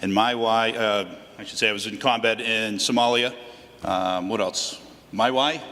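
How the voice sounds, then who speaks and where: A man's voice: fairly low pitch, steady tone, moderate pace, sharp tone. A man who works as a sales director, introducing himself to a group in an easygoing, jokey way. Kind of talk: spoken self-introduction. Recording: long reverb in a large room.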